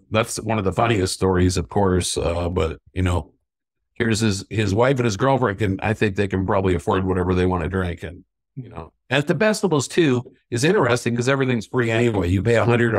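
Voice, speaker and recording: Dry, low-voiced chatty male storyteller. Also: a little fast, dry recording. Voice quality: self-described stubborn Irishman. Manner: chatty anecdotal storyteller, acts out quoted voices. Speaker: sangria company owner. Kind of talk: casual interview storytelling.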